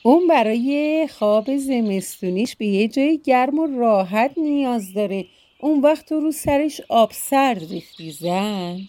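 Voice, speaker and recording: A woman voicing a patient older husband who calmly explains and gently scolds in a children's story. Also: a little high, close to an everyday voice. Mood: explaining.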